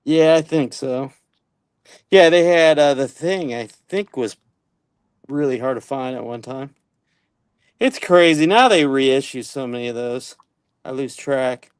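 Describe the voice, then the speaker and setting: A man's voice: medium pitch, measured pace, pauses often, clear, resonant tone, dry recording, clean studio sound. A man in a casual chat who talks in an easygoing way and trails off mid-thought.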